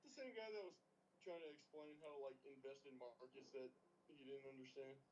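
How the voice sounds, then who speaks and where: A man chats on a relaxed podcast with friends, his voice at an everyday middle pitch. He answers teasing with deadpan, mock-serious comebacks and curses freely. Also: a little fast, muffled recording. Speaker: podcast co-host. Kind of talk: casual banter among friends.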